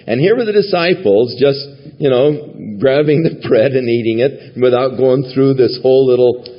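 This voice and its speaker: A man's voice: mid-range voice, moderate pace. A man preaching a sermon in a church, teaching from the Bible in a conversational way and chuckling now and then. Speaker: pastor. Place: church sanctuary. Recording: lo-fi recording with long hall reverb.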